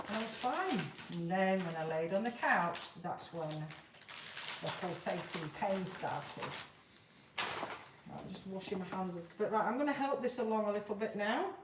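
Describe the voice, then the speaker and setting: A woman in her fifties hosts a live craft tutorial, plain-spoken, chatty and informal, in an expressive mid-range voice at normal speed. She is recorded far from the mic in a large, roomy, noisy indoor workshop.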